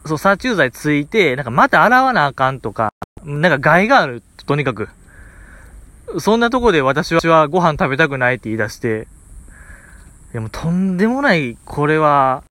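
A man's voice: a little high, normal speed. A man with a Kansai accent hosting a podcast, telling a story in a casual monologue with comic exasperation. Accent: Kansai Japanese. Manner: animated, comic exasperation, lots of fillers. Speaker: podcast host.

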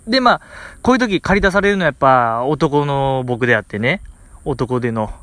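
A man's voice: medium pitch, fairly quick, dry recording. A man with a Kansai accent hosting a podcast, telling a story in a casual monologue with comic exasperation. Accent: Kansai Japanese. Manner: animated, comic exasperation, lots of fillers. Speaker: podcast host.

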